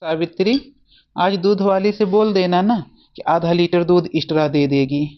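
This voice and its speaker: A woman voicing a kindly older father-in-law in a cartoon family story, calm and plain-spoken. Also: lowish voice, moderate pace, highs cut off, lightly acted.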